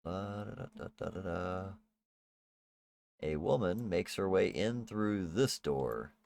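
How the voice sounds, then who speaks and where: A man with a lowish voice runs a tabletop role-playing game. He improvises the narration informally and haltingly, in the casual manner of a game master. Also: lively intonation, vocal fry, a little mellow.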